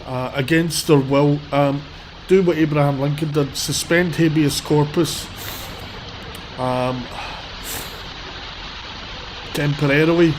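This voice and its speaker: Sniffling a little from a cold, a man gives rambling, blunt live commentary on a handheld phone while walking a city street. His voice is fairly high, his intonation fairly even, his pace measured. The low-quality recording carries loud traffic and vehicle noise.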